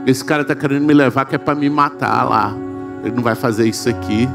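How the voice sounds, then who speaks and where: A preacher voicing a frightened young delinquent. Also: male voice, mid-range voice, fast talker, gravelly, music in the background, lightly acted. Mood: fearful. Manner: fearful, wary. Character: frightened young male delinquent, just turned eighteen.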